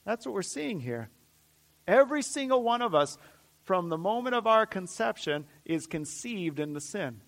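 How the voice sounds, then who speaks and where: A man preaching a sermon with fervent, repeated emphatic phrases, swinging from loud declarations to hushed near-whispers. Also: sits high, sing-song, moderate pace, creaky.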